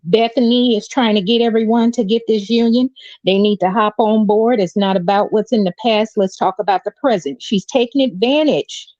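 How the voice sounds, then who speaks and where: An opinionated woman calls in on a dull, lo-fi phone line that keeps fading in and out. Her voice sits a little high and sounds dry and close, with no room around it. She calls people "baby" as she talks. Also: moderate pace, darkish tone, no echo. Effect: phone line that fades in and out. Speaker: caller. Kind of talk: live call-in commentary.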